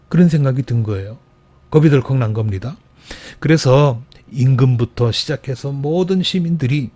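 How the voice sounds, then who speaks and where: A male pastor delivers a Sunday sermon, retelling a scripture story with lively emphasis in the quoted parts. His voice is dark and a little husky. The sound is dry and close, with almost no room echo. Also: medium pitch. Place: church.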